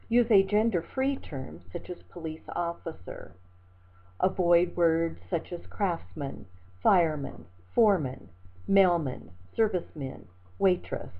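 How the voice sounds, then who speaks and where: A woman instructor giving a recorded lecture over slides, in a measured, methodical way, reading out word lists. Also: lowish voice. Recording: tinny phone-like lecture recording.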